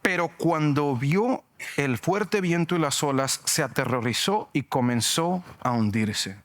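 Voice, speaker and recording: A male pastor preaching a sermon, animated and joking, acting out shouts from the story. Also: fairly high pitch, unhurried. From Mexico.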